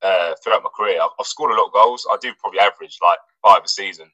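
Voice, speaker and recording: Racing along in a deep voice, the English footballer chats casually as an interview guest, relaxed yet hesitant and constantly using fillers and restarting. There's no echo, and the highs are cut off.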